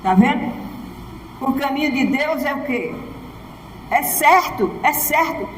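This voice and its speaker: A woman's voice: sits high, lively intonation, slow, a little hiss or hum. A woman pastor with a Brazilian Portuguese accent, preaching a sermon from the church altar and often prompting her congregation for an "amen". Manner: preaches emphatically, often asking the congregation "Amém?". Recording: echoey church hall.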